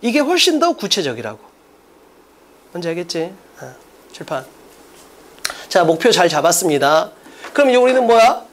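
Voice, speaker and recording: Lecturing energetically on an English exam, a man speaks at a moderate pace with long pauses, his high voice making big pitch swings. He is emphatic and blunt in casual speech, continually firing rhetorical questions at his students. A little hiss or hum is audible.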